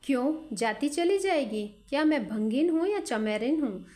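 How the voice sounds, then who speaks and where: A woman's voice: high voice, animated, a little slow, dark tone, voice pushed up. A woman voicing a proud, wounded young courtesan who teases and then pleads. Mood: mocking.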